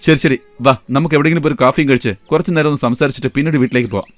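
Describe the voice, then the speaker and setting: A man's voice: fairly high pitch, rapid-fire, no echo, soft background music, lightly acted. A man dubbing a young shop owner who soothes his girlfriend, in film dialogue. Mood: coaxing. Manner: coaxing, soothing. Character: young male shop owner and lover, eager to please. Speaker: dub actor.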